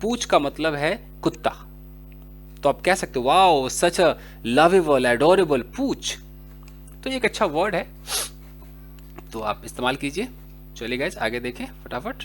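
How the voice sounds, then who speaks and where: A man's voice: a little high, big pitch swings, normal speed, long pauses, fairly bright tone, a little hiss or hum. A man teaching English in a casual explanatory lesson, speaking to viewers directly and acting out example dialogues. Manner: chatty, addresses viewers directly.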